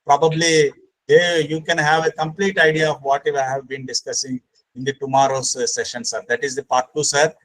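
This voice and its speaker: Male instructor, Indian accent, slightly high voice, insistent and repetitive explanatory delivery for an online class. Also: flat delivery, brisk, rough recording. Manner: emphatic, repetitive, frequently says sir. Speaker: speaker at a faculty training session. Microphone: online call microphone.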